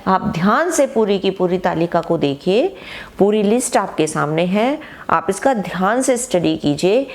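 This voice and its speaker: This woman teaches grammar online, speaking at a medium pitch with lively intonation. Her explanations are slow, and she gives her example sentences emphatic readings.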